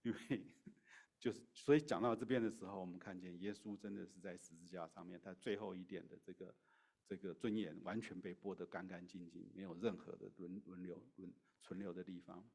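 A man's voice: low-pitched, fairly even intonation, brisk, gravelly, a little mellow, slightly rough. A middle-aged man giving a sermon in a conversational way, with hesitations and restarts. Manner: conversational preaching with fillers and restarts. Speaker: pastor.

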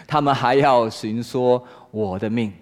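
A preacher putting on a zealous old prophet, lonely and aggrieved, pleading to heaven in a raised, drawn-out voice, a little higher than an average man. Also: lively intonation, lightly acted.

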